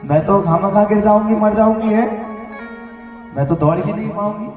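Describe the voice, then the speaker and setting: A woman's voice: medium pitch, normal speed, close to an everyday voice. A woman preacher voicing a fretful, argumentative village wife in a devotional story. She talks in an anxious, quarrelsome manner. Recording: echoey hall from far off, dull sound, music behind.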